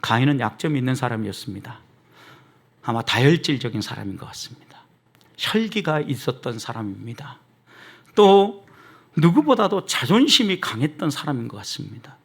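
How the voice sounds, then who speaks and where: A man preaching a sermon as pastor, acting out quoted lines and moving between hushed asides and raised emphasis. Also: medium pitch, sing-song, moderate pace, vocal fry, slightly rough.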